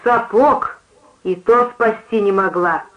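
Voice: medium pitch, slow, lightly acted. A tipsy drunkard heckling with mocking retorts as a reader plays him. The recording sounds dull and lo-fi. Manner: mocking, argumentative. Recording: muffled lo-fi recording.

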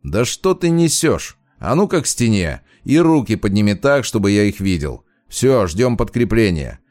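A man voicing a nervous young male police officer who barks gruffly, his voice cracking. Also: fairly low pitch, sing-song, moderate pace, a little mellow.

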